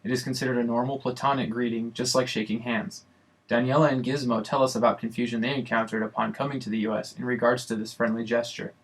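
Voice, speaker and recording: Male narrator, quick and even, scripted voice-over. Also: medium pitch, rough recording.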